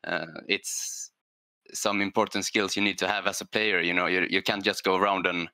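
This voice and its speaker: A man with a deep, smooth voice that carries a bright, forceful edge. He talks as a panel guest on a gaming show, thinking aloud with frequent fillers and "right?" checks, and the sound is dry and close. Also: level tone, normal speed, dry recording. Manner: thoughtful, hesitant, with many fillers and "right?" tags. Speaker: esports player on a structured team.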